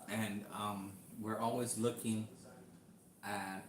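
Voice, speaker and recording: Slow, easygoing man in an echoey room. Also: fairly low pitch, crowd noise. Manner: slow, relaxed, greets viewers by name. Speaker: livestream host. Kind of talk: casual livestream chat.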